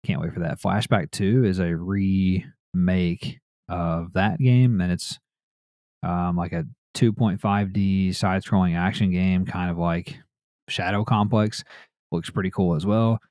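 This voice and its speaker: A man's voice: sits low, steady tone, a little slow, a little mellow, no echo, clean studio sound. A man hosting a gaming news podcast, reading headlines and chatting casually in a laid-back way. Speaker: podcast host.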